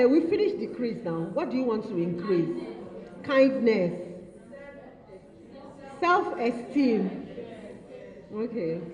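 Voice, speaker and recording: A woman leads a training session. She is heard in a roomy hall with a long echo. Her voice is fairly high and mellow, and the recording sounds dull and lo-fi. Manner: repeats and affirms audience answers, playful teasing. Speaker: workshop facilitator.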